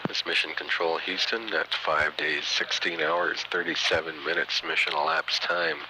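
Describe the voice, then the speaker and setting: A man giving matter-of-fact mission control status commentary, halting often with uhs and pauses, on an archival radio feed. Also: very deep voice, fairly even intonation, background noise. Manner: halting, hesitant delivery with frequent uhs and pauses. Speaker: mission control announcer, public affairs commentator. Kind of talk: spaceflight status commentary, partly improvised.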